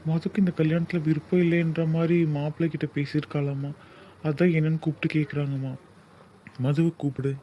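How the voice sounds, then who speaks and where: Actor as a worried, gentle father, very dark mellow voice, anxious and placating. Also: fairly high pitch, flat delivery, a little fast, a little hiss or hum, lightly acted.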